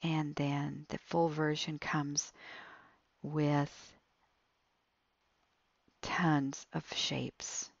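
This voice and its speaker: A woman walking through an app tutorial step by step, in a slow, explaining way. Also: low-pitched, creaky, slightly rough, no room sound, highs cut off. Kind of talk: screen-recorded app tutorial.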